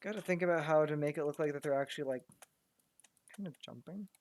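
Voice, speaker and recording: While working on a digital art piece, a graphic artist gives casual commentary, thinking aloud and often repeating words. His voice, a little high, quick, and a little mellow with no echo, is going because he's losing it.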